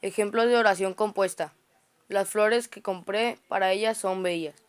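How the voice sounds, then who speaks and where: A woman reads her grammar notes aloud. She works through them in a plain, even, halting way, tripping over words and starting them again. Her voice is smooth and clear, at a middle pitch. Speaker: student reciting study notes.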